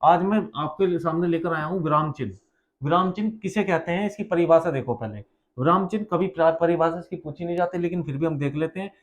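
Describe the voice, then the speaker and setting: A man's voice: on the high side, brisk. A man teaching a grammar lesson for exam preparation, explaining with rhetorical questions and repeating key terms. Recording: dull lo-fi sound.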